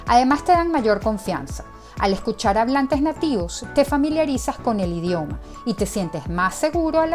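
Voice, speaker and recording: A woman giving formal, scripted narration for a course video, presenting the material in a polished way. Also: a little high. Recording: voice-over with faint background music.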